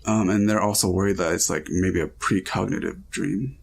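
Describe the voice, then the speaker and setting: A man co-hosting a podcast, chatting casually about dreams with a relaxed, filler-heavy way of talking. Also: low-pitched, normal speed, gravelly, husky. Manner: relaxed, talks with frequent fillers. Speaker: podcast co-host reading and interpreting dreams.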